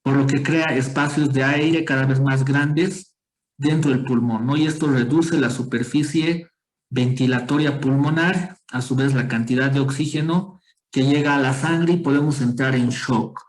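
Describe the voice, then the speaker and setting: A man's voice: medium pitch, fairly even intonation, normal speed, low-quality recording. A man teaching a medical class online, explaining step by step and calling on students with questions. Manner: explanatory, quizzes students, frequent tag questions. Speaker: medical lecturer.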